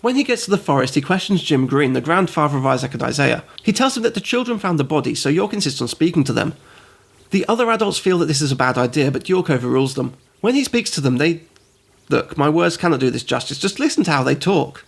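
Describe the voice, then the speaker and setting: A man's voice: a little high, sing-song, fast talker, vocal fry, slightly rough. A man narrating a comedic game review, sarcastic and prone to tangents. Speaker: host and reviewer.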